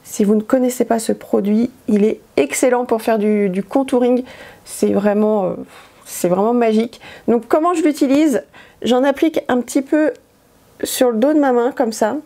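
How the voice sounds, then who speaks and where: A woman's voice: a little high, normal speed, mellow. A woman chatting casually through a makeup tutorial, hesitant with many fillers. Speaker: beauty vlogger.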